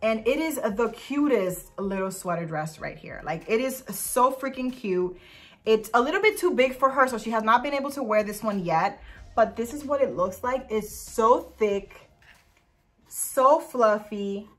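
Showing off dog clothes in a laid-back review vlog, a young woman gushes and occasionally coos. She speaks unhurriedly, her voice on the high side, a bit bright, with lively intonation.

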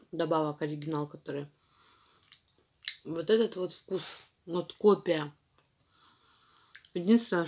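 A woman with a slightly low voice talks through a mouthful of chalk she is chewing. She picks her words slowly, searching for how to describe the taste and texture. It sounds like casual talk into a phone at home. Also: breathy edge. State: chewing chalk while talking. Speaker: mukbang vlogger. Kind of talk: casual tasting commentary.

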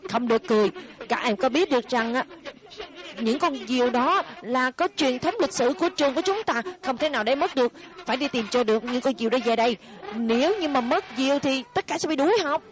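A woman's voice: high voice, expressive, a little fast. A woman voicing a stern school director who lectures pupils in a formal way, in a cartoon dub.

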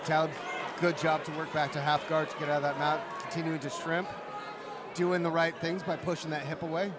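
A man's voice: fairly high pitch, level tone, fairly quick, heavy background noise. A man giving analytical live commentary on a mixed martial arts fight as a commentator. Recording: loud music and crowd behind voice. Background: loud music and crowd.

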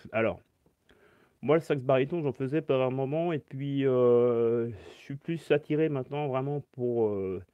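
A man's voice: mid-range voice, no room sound, dull audio. Male music teacher doing a casual live Q&A from his phone, mid-range voice, step-by-step explanations, dry room. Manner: chatty, explains step by step, reads chat comments aloud. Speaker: saxophone teacher. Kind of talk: live-stream Q&A.

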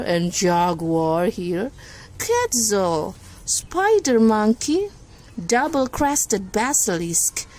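A woman teacher, reading a picture book aloud to children in English, expressive and patient, with gasps and asides. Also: on the high side, slight background noise.

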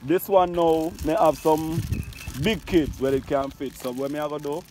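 A man's voice: a little high, fairly even intonation, moderate pace. A man with a Jamaican accent hosting a casual outdoor interview and talking straight to his viewers. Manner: chatty, asks questions and addresses viewers directly. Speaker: host of a community channel. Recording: loud outdoor noise.

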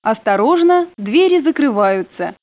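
A woman's voice: a little high, measured pace, no echo. A woman announcer over a train intercom. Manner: polite, formal, even announcing. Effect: played over a train intercom. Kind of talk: prerecorded transit announcements. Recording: narrow phone-like dry sound.

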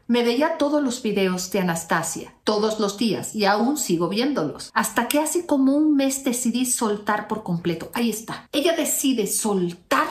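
A woman's voice: a little high, reverberant. A woman self-help coach reading out a viewer's letter and commenting on it with emphatic, sassy asides.

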